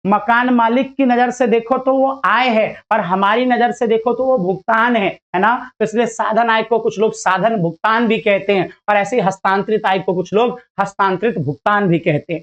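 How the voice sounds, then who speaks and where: A man's voice: sits high, highs cut off. A male teacher giving a casual lecture to students, chatty and playful, acting out little dialogues as he explains.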